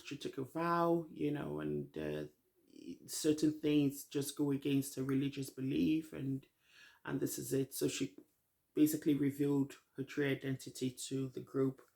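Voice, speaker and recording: A woman's voice: extremely low pitch, vocal fry, a little mellow. Chatty middle-aged woman recapping a show. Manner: chatty, rambling, frank opinions. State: tired, hasn't eaten. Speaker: vlogger. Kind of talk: casual TV recap commentary.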